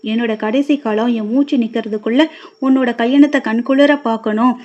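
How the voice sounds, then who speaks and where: A woman voicing a short-tempered, scornful husband who shouts sharp insults. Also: fairly high pitch, brisk, lightly acted. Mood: angry scolding. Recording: dull lo-fi recording.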